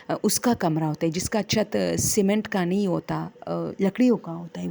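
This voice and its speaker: A woman casually telling true horror stories, hesitant with many fillers and pauses. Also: on the low side, vocal fry, dark tone. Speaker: storyteller. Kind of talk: casual spoken storytelling.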